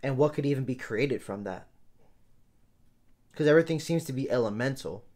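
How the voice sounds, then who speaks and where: A man's voice: mid-range voice, expressive, moderate pace, a little mellow. A young man giving casual reaction commentary as a video host in an indoor room. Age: young adult.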